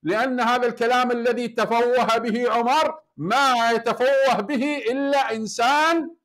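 High-voiced Iraqi man, insistent debater. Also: fairly even intonation, normal speed, fairly bright tone. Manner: insistent, hammering repeated rhetorical questions. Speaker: debate show host. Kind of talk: heated call-in debate.

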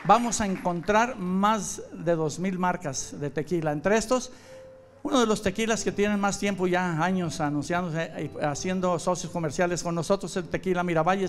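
A man reading a friendly, formal sponsor announcement on a talk show. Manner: steady sales pitch, friendly and formal.

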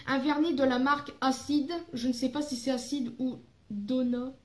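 Young female beauty vlogger from France, high voice, casual and chatty, stumbles over her words. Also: fairly even intonation, normal speed, reverberant. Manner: chatty, rambling, fillers and self-corrections. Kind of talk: casual haul vlog.

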